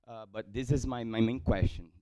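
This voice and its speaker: A man asking a question as a student, in halting non-native phrasing. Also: medium pitch, warm tone, no echo. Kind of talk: spontaneous audience question.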